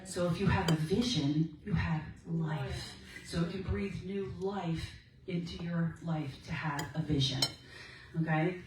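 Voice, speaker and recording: A woman's voice: on the low side, measured pace, a little mellow, recorded from a distance, a little hiss or hum. Chatty woman telling her story, echoey room. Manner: chatty storytelling, acting out quoted exchanges. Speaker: speaker at a women's ministry meeting. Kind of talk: personal testimony talk. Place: meeting room.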